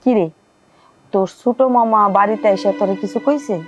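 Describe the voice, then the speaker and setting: A woman's voice: mid-range voice, a little fast, soft background music, natural voice. An actress playing a stern but protective grandmother defending her orphaned grandson. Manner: scolding, pleading. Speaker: grandmother in a family drama. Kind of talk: television drama acting.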